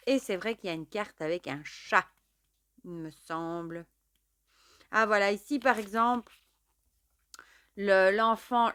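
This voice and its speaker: A woman's voice: on the low side, fairly bright tone, no room sound. Chatty woman unboxing cards. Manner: chatty, fills with "voilà" and "euh". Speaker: tarot and oracle deck reviewer. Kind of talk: casual unboxing chat.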